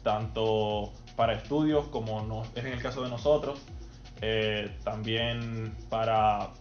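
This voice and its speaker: A man's voice: fairly low pitch, steady tone, slow, roomy sound, muffled recording, faint music behind. A man of twenty-two, a young athlete answering interview questions thoughtfully, with frequent hesitations.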